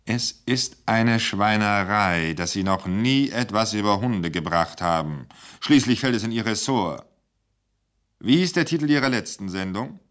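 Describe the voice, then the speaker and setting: A man reading aloud and voicing a soft-spoken, domineering male radio director. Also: fairly low pitch, lively intonation, moderate pace, pitched above the performer's own voice.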